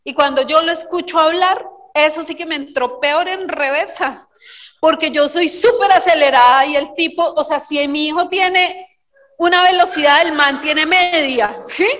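A woman telling a story on stage as a motivational speaker, animated and laughing as she acts out what people said. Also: high voice, normal speed.

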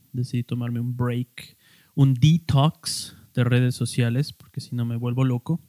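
A man hosting his own podcast, talking casually and haltingly, often restarting words as he explains. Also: mid-range voice, darkish tone, dry recording. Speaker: podcast host. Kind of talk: casual solo podcast talk.

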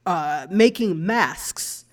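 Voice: mid-range voice, animated, extremely slow. A speaker from Africa chatting casually as a panelist on a talk show, enthusiastic and full of restarts. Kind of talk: casual chat.

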